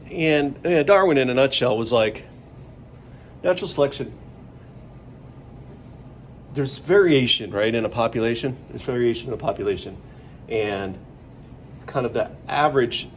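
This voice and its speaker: A man's voice: mid-range voice, a little hiss or hum. A man teaching a biology lesson in a chatty, upbeat way, rambling a little as he explains. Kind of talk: casual classroom video lesson.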